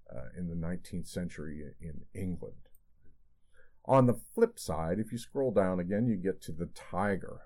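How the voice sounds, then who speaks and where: A man's voice: deep voice, mellow. A man giving a literature lecture in a conversational way, often checking in with "right?" and reading poems aloud. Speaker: literature teacher.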